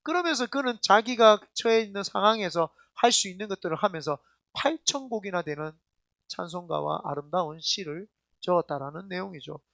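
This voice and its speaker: Male pastor, high voice, emphatic colloquial preacher who questions the congregation. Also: lively intonation, fairly quick, creaky, fairly bright tone, dry recording, clean studio sound. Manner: addresses the congregation directly with questions. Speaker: senior pastor. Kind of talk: sermon.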